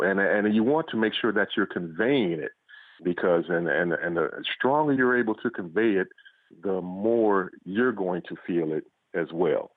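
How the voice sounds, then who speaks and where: Over a muffled, phone-like line with no echo, an author answers interview questions in a low-pitched voice. He's reflective and conversational, frequently dropping in "you know."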